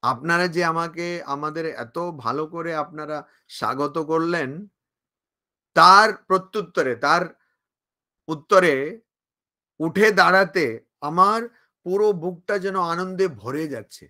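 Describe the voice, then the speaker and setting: A man, a monk, giving a lively spiritual talk, slowing right down to quote lines in English. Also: a little high. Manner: animated, quotes in slow drawn-out English. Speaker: monk lecturer. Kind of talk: spiritual discourse.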